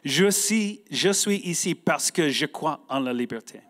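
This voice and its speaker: Male guest speaker, slightly high-pitched, American accent in French, native English speaker, halting delivery, reading a prepared speech. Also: expressive, fairly bright tone. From United States. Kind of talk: prepared speech read aloud.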